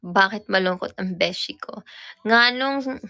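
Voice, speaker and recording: A young woman with a Cebuano accent chats slowly on a livestream, her voice bright but with a gravelly fry at the edges. She patiently teaches Bisaya words and keeps repeating and correcting herself, with faint music playing behind her. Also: medium pitch. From Cebu, Philippines. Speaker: livestream host. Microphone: phone or camera mic on a livestream.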